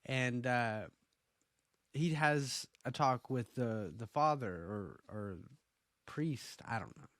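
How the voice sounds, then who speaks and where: A man's voice: medium pitch, slow, no room sound, clean studio sound. A man from Oklahoma co-hosting a casual TV episode review, opinionated and rambling, with frequent restarts. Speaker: podcast co-host.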